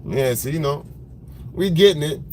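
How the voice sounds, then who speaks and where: Stuck in traffic, a laid-back photographer chats with livestream viewers from his car, greeting them by name in rambling, slangy talk. His smoker's voice is a little high and darkish, expressive at a moderate pace. Faint vehicle noise can be heard.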